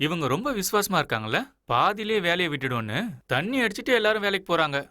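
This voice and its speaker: A simple kind village lad. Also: male voice, sits high, sing-song, fast, dry recording, clean studio sound, full character voice. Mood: sincere. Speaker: lead actor in dubbed film. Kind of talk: dubbed film dialogue. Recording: film soundtrack with loud music.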